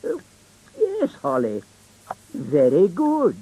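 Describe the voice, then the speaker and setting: Pompous old british elf teacher, kids cartoon, raspy and slow but very up and down. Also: male voice, a little high, wildly swooping pitch, warm tone, exaggerated voice, rough recording. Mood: measured, schoolmasterly. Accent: British English. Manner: pompous, pedantic, hesitant hums. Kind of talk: children's cartoon voice acting.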